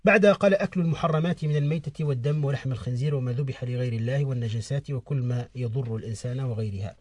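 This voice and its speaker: Male religious teacher, brisk class lesson, husky and dark, dictates slowly. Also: medium pitch, no echo. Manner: explanatory, repeats words slowly for dictation. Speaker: Islamic scholar teaching a lesson.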